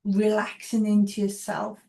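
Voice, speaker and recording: A woman facilitating a casual conversation, telling stories in an excitable way, recorded in an echoey room. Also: mid-range voice, measured pace, vocal fry. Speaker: group facilitator.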